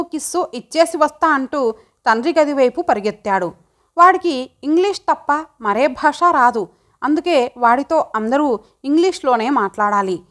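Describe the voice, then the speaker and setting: A woman narrating an audiobook story in a measured, reflective way. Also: high-pitched, a bit bright.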